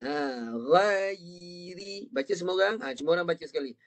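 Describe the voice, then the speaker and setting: A man's voice: sits high, expressive, very fast, gravelly. Patient Malaysian man teaching Quran recitation. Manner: patient, models syllables and has the student repeat them. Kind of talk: online Quran reading class. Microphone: video call.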